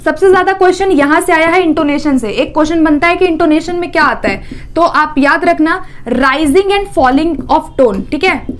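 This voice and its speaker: High-voiced woman teaching an exam-prep lesson. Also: normal speed. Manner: explanatory, repeats "theek hai" often; asks questions then answers them.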